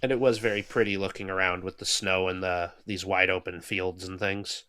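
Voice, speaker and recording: A man's voice: low voice, steady tone, normal speed, sharp tone, clean tone. A man co-hosting a casual podcast, telling stories in a dry way. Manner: dry storytelling, frequent backchannel. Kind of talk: casual live-stream chat.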